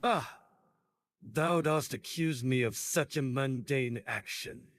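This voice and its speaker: Brief: man-voiced grandiose chatbot, flowery old-fashioned lecturing, mid pitch. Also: slow pace, fairly bright tone. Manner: ornate, archaic, lecturing speech. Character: pompous flowery male chatbot, grandiose and theatrical.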